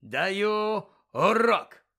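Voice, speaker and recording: A man voicing a fierce, scarred old wizard professor with a low, gravelly growl who barks his commands. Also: sing-song, takes it slowly, sharp tone, exaggerated voice. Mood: gruff, roaring. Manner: barking, roaring commands.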